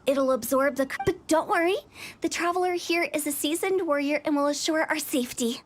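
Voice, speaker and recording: A woman's voice: sits high, brisk, slight background noise, natural voice. A woman voicing a playful, quirky young funeral director in a video game, with the teasing glee of a prank reveal. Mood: confident, explaining.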